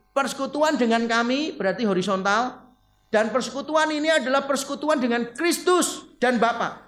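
A high-voiced male pastor delivering a sermon. He tells stories in a lively way, acts out bits of dialogue and laughs along, and keeps turning to the congregation as he speaks. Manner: animated storytelling with quoted dialogue and laughter; addresses listeners as "saudara".

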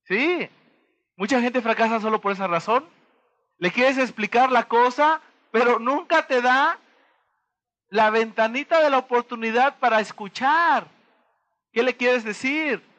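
A man with a Mexican accent giving a motivational talk to an audience, pausing to throw them rhetorical questions and act out little dialogues. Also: very high-pitched, pushed and bright, lo-fi sound. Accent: Mexican Spanish. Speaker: motivational speaker.

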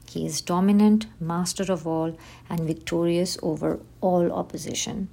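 Low gravelly woman giving a religious lesson. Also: dark tone. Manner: measured, reads definitions as slow lists. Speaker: podcast host teaching on Islam. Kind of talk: scripted religious teaching.

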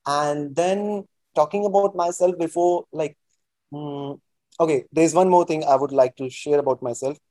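A man's voice: on the high side, normal speed, mellow, dry recording. A man from New Delhi with a North Indian accent, a native Hindi speaker, talking casually and hesitantly as an interview guest, often repeating himself. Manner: hesitant, repetitive phrasing with frequent "like".

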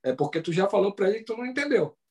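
A Brazilian man with a slightly high voice chats casually. He talks animatedly and keeps checking in with "sabe?" and "entendeu?". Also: very animated, very fast, a little mellow. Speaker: Brazilian living in Japan, talking about the language. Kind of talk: casual chat.

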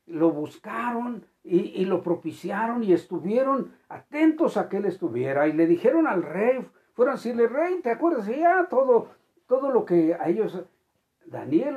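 A preacher, delivering a sermon with emphatic swings between loud and quiet and frequent repeated phrases. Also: mid-range voice, very animated, normal speed.

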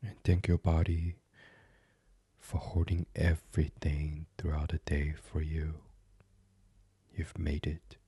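A man with a very low voice guides a sleep meditation in ASMR style, speaking slowly, soothingly and in a monotone. His voice is heavily breathy and husky, often near a whisper, and he pauses often between short, gentle, hushed phrases in a soft reading with no echo.

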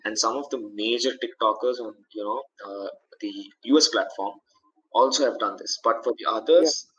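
A man's voice: mid-range voice, moderate pace, fairly bright tone, rough recording. A young man from India co-hosting a casual tech chat, talking in long rambling stretches full of fillers. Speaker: podcast co-host.

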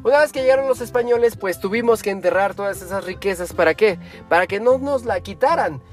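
A man's voice: high voice, a little fast, faint music behind. A man giving a motivational self-help talk, asking rhetorical questions and laying out numbered steps. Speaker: motivational speaker.

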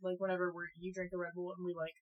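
Fast-talking young woman, chatty. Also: on the low side, monotone, narrow, tinny audio, a crowd in the background. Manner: chatty, lots of fillers. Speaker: podcast co-host. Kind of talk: casual chat. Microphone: one shared mic.

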